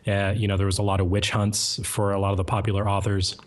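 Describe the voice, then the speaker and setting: Measured man giving long, hedged answers. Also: fairly low pitch, monotone. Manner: measured, hedging, lots of fillers. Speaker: guest mod author. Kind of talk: casual interview chat.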